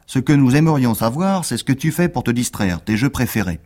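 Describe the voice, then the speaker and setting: A man's voice: mid-range voice, expressive, fairly quick, a little mellow, close to an everyday voice. A man voicing a fussy, easily exasperated radio reporter who talks in a coaxing, patronizing way to schoolchildren. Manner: coaxing, patronizing talk to children.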